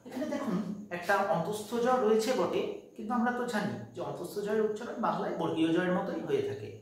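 A man with a high, expressive voice talks fast while teaching a patient, step-by-step phonetics lesson, checking in with students by asking "তাই তো?". The room is echoey and the mic sits at a distance.

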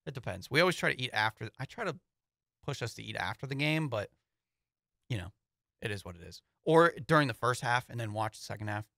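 Young male co-host, bright tone, dry close mic, loose sports chat. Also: mid-range voice, animated, brisk, creaky, no room sound. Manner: easygoing, rambling with fillers. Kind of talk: casual sports talk. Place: small studio with foam panels. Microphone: studio mic on boom, headphones.

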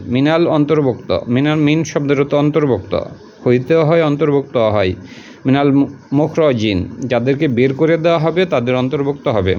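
A man's voice: mid-range voice, a little mellow, dull audio, slight background noise. A man teaching a word-by-word translation lesson, repeating each word and its meaning in a patient, colloquial way.

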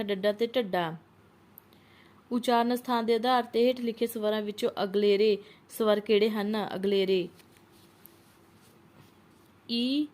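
A woman teaches an exam-prep lesson at a mid pitch. She reads out each multiple-choice question and its options, asks which one fits, and then gives the answer herself. She hesitates now and then and restarts her words. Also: darkish tone.

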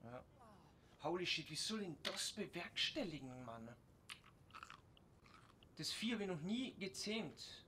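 A man from German-speaking Europe comments casually on his gameplay, mostly muttering to himself, with sudden bursts of excited swearing. His voice is very bright and sits a little high. A faint hiss of noise runs under the recording. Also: slow pace, long pauses. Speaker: let's play gamer.

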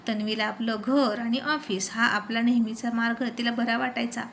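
A woman narrates a serialized story in a steady reading voice. Her pitch sits fairly high, and there is a faint hiss of noise behind her. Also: normal speed, vocal fry.

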